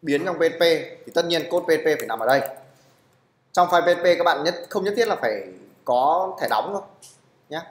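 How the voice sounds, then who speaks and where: The teacher here is a man with a somewhat high, animated voice, talking fairly fast in an echoey room during a live programming class. His constant "được chưa?" keeps checking whether students are following.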